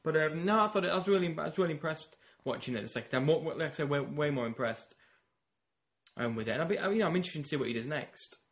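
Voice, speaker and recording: A man hosting a casual film chat, quick and chatty, often stopping mid-sentence to restart. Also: a little high, lively intonation, a bit bright. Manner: quick, chatty, self-interrupting.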